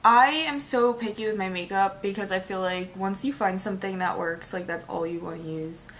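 A woman's voice: mid-range voice, moderate pace, fairly bright tone, slight background noise. A young woman talking casually to her phone camera in a vlog, chatty, with lots of fillers and the odd swear word. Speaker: vlogger. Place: gym, then at home.

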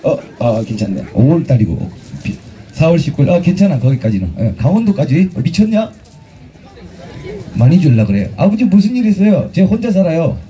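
At an outdoor festival, a man emcees a street show, shouting music cues and ribbing the crowd with crude jokes. His voice sits a little high and moves in a brisk, sing-song way.

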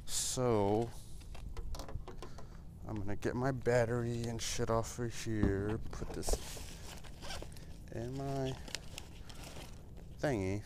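Rambling in a relaxed way, a twenty-something American man vlogs to camera in a mid-range voice. The action camera, either mounted or held at arm's length, catches plenty of noise from the small car he sits in and from the open parking lots outside.

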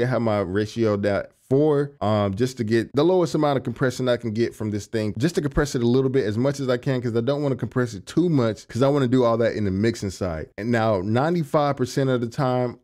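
Speaking fairly fast and barely pausing, a young man with a low voice shows off his home-studio vocal recording rig in a laid-back tutorial. He's a music producer and engineer, talking into a large condenser mic on a stand. His chatty delivery is full of fillers such as "you know what I'm saying."

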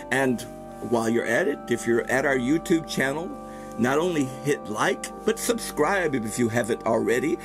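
Man playing a slow, creaky-voiced horror host. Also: medium pitch, big pitch swings, over music, full character voice. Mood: welcoming, theatrical. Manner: hammy, drawn-out, savoring delivery with sinister chuckles. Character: genteel, ghoulish male vampire-like horror host in top hat. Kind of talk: theatrical horror-host promo monologue. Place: small dressed indoor set.

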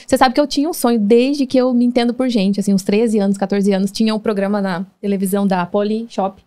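Uma apresentadora brasileira de podcast, de fala bem ligeira, conduz a conversa com perguntas curiosas. O tom é aberto e animado, de estúdio. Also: female voice, mid-range voice, quick pace. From Brazil. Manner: lively, conversational, leading questions. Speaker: podcast host. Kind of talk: casual interview chat.

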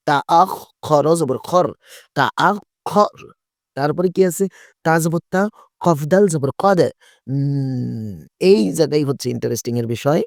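A man's voice: a little high, darkish tone, no echo, clean studio sound. A man teaching a Quran recitation lesson, patiently spelling out letters and asking and answering his own questions.

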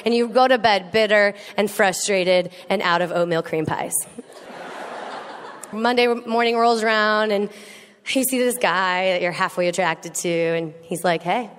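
A woman giving a comedic talk to a live audience, animated and teasing, acting out quoted voices. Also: mid-range voice, measured pace, clean tone. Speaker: speaker. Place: large hall with an audience. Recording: echoey hall with faint noise.

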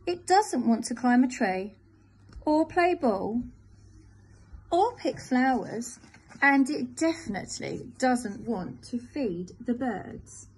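Slow sing-song woman reading a storybook. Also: a little high, slightly rough, poor audio. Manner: expressive, sing-song, gentle. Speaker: teacher. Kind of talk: reading a picture book aloud.

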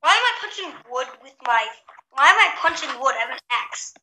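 A woman's voice: high-pitched, sing-song, fairly quick, pushed and bright. A woman chatting casually to her viewers while gaming, recorded in a small bathroom that echoes. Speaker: gaming channel host. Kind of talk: casual game chat. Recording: echoey bathroom, faint noise.

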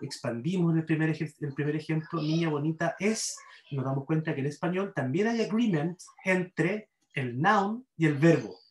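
A man's voice: on the high side, moderate pace. Chilean man teaching grammar in an echoey room. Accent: Chilean Spanish. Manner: explanatory, repeats examples, checks with students. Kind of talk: online class lecture.

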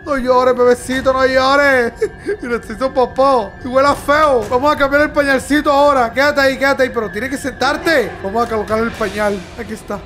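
A man narrates a video game to his audience in a high, light voice. He is excitable, shouts and laughs a lot, and addresses viewers directly. Soft game music plays quietly underneath. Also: brisk. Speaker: gaming YouTuber. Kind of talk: let's-play commentary.

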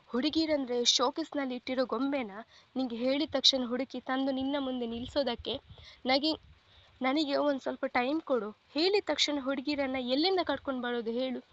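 A protective young man, the caring elder-brother sort, comforting and gentle in an audio storybook, as a woman reader puts him on. The voice sits high, and the recording is dull and lo-fi. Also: normal speed, natural voice. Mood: exasperated. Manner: gentle, reassuring, affectionate.

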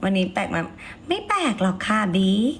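Hoarse, lively-pitched woman chatting on a livestream. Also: fairly quick, slight background noise. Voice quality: raspy. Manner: playful, chatty, coaxing viewers. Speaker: livestream seller. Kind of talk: casual livestream chat.

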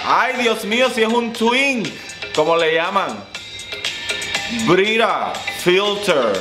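In a reverberant recording, a man in drag-queen persona reacts with cheeky, risqué commentary, breaking into frequent laughter and shifting from squealing highs to purring lows.

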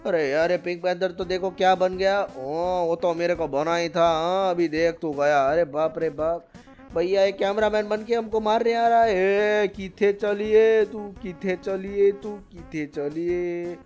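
A young man doing rowdy, playful gameplay commentary on a headset, often shouting. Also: sits high, fairly even intonation, normal speed, soft background music. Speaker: gaming YouTuber. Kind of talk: comic Roblox gameplay commentary. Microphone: gaming headset.

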